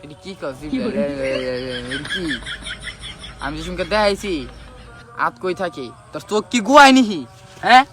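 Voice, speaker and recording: An actor playing a harsh, bossy English tutor in a comedy skit, scolding and bursting into shouted words. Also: male voice, a little high, measured pace, music in the background, lightly acted. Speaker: teacher.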